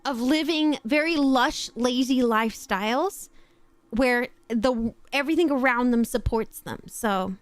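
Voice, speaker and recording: On a dry recording, a woman with a slightly high voice talks unhurriedly while chatting on stream and reading the chat aloud. She's Australian but sounds mostly North American, with a slight Australian edge here and there, laughing often and swearing casually.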